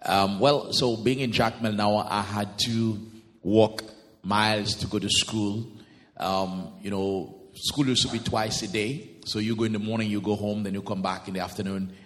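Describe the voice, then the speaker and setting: Casting note: late-thirties man from Haiti, deep-ish voice, earnest guest pastor testimony, reverberant hall. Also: fairly even intonation, normal speed, a bit bright. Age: 30s. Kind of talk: interview testimony in church.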